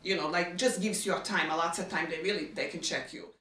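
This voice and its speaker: A woman's voice: fairly low pitch, steady tone, fast, a bit bright, roomy sound, far from the mic. A woman from Bosnia, talking freely with many fillers and loose grammar in a documentary interview. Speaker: refugee interviewee.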